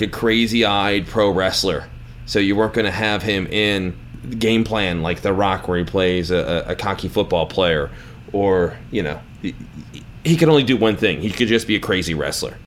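A man with a fairly low voice chats casually about movies on a podcast. He sounds opinionated and animated. A faint hiss sits under the recording. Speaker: podcast co-host. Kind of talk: casual film chat.

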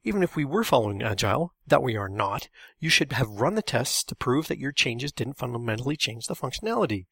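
A man's voice: mid-range voice, sing-song, fairly quick, gravelly, fairly bright tone, breathy edge, dry recording, heavily acted. A man voicing an angry, meticulous male programmer who speaks indignantly and emphatically. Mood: furious.

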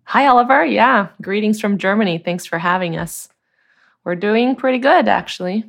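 A woman's voice: medium pitch, moderate pace, creaky, a bit bright. A woman from Brazil, a sound designer guest, speaking in a friendly, easygoing way. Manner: friendly, easygoing, laughs lightly. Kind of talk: casual interview talk.

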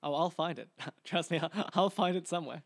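Gravelly man interviewer, dry sound. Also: on the high side, brisk, dry recording. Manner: enthusiastic fan, asks long framed questions. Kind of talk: interview questions.

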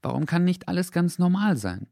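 A gentle little boy, curious and a bit wistful, his raised childish voice earnest and soft in a children's audio story, as a man acts him out. The sound is close and dry. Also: high-pitched, big pitch swings, fairly quick, vocal fry, dry recording, voice pushed up, heavily acted. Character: young curious kind-hearted boy.

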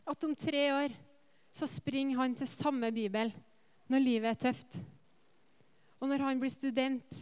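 A woman preaches with a smooth, clear voice set a little high. She is earnest, tells lively personal stories, and puts rhetorical questions to her congregation. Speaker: preacher and worship leader. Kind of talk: sermon.

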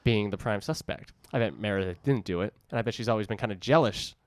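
A man's voice: lowish voice, fast talker, no room sound. A man with a New England accent, co-hosting a podcast, casually reading book blurbs with jokey asides. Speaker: podcast co-host.

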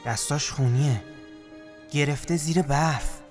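A man's voice: a little high, a little mellow, soft background music, lightly acted. A man playing an eerie companion who makes short, obsessively repeated, cryptic remarks in a surreal audio drama.

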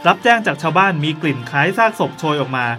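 Quick-talking man co-host. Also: fairly high pitch, animated, bright, forceful tone, soft background music. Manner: quick, playful, reads headlines with exaggerated drama. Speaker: podcast co-host. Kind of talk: casual chat, reading news aloud.

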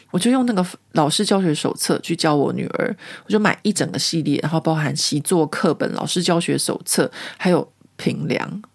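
Taiwanese Mandarin woman host, gravelly voice, chatty and lively storytelling. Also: sits low. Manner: chatty and lively, laughs often. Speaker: podcast host. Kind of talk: casual storytelling monologue.

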